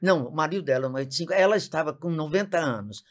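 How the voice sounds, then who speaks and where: A woman's voice: deep voice, rapid-fire. A woman over one hundred, a podcast guest, telling a family story and acting out the dialogue. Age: 100s. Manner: lively, acts out quoted dialogue. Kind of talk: casual storytelling.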